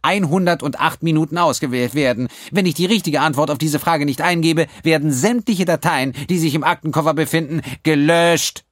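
A man voicing an arrogant male alien accountant in an audiobook, shrill and lecturing in a precise, haughty way. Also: normal speed, few pauses, no room sound, studio quality, lightly acted. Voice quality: shrill, piercing. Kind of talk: audiobook character voice.

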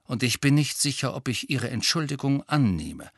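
A man's voice: mid-range voice, expressive, moderate pace, no room sound, pitched above the performer's own voice, close to an everyday voice. A man voicing a bitter, blunt wizard in a storybook scene. His mid-range voice carries resentment and is recorded close and dry. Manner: abrupt, bitter.

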